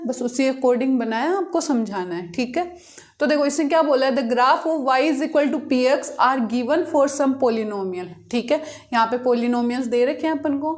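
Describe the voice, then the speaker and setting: A woman's voice: sits high, a little mellow. A woman maths teacher, teaching a class at the board. She keeps asking the class questions and answering them herself. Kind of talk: classroom lesson explaining problems.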